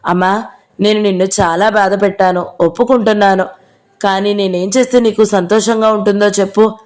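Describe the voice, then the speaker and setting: A woman reading the lines of a gentle young woman who speaks softly and tenderly as she coaxes her mother, in a storybook reading. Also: medium pitch, fairly even intonation, normal speed, lightly acted. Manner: soft, coaxing and tender.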